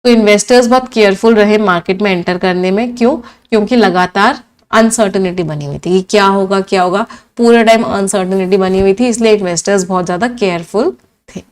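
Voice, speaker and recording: This exam-prep vocabulary lesson mixes Hindi and English, with a woman asking questions and supplying the answers on her own while going over each meaning again. Her voice sits at medium pitch and moves fairly quickly.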